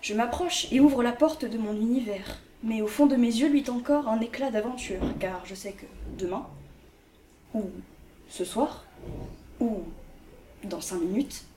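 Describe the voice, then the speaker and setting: A woman reciting spoken-word poetry in a lyrical, rhythmic way, like telling a story. Her voice is fairly high. The room around her sounds echoey. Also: unhurried, mellow, distant mic, a little hiss or hum.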